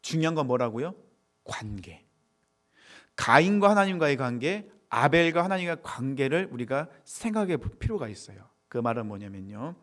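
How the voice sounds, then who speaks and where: A man preaching a sermon to high school students, asking questions and answering them himself, sometimes dropping to a whisper. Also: very animated, normal speed, a bit bright. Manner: asks the audience questions and answers them, drops to a whisper on key points. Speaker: youth pastor.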